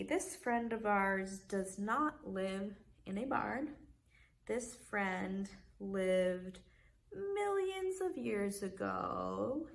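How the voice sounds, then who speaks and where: A woman librarian reading a picture book aloud to young children and leading an animal guessing game, in a gentle, playful storyteller manner. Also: medium pitch, vocal fry. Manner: slow, gentle, playful storyteller voice, leads sing-along games.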